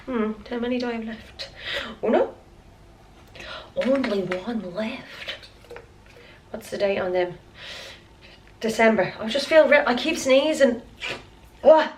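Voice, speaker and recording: A woman's voice: a little high, takes it slowly, long pauses. A young woman with an Irish accent talks casually to her camera at home, sniffly and a bit run down. She rambles in a chatty, self-mocking way, with a faint hiss under her voice. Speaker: vlogger. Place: at home indoors.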